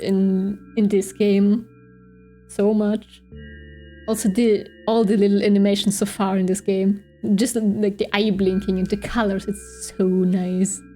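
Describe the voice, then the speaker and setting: A woman with a mid-range, dark-toned voice streams a game, chatting casually, giggling often, and reading the game's text aloud in let's play commentary. The recording quality is low.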